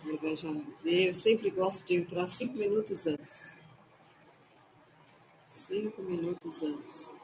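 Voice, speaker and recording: A woman's voice: on the low side, moderate pace, hardly any pauses, a little hiss or hum, low-quality recording. A woman hosting a casual live stream as a tarot reader, playful and chatty as she greets her viewers one by one.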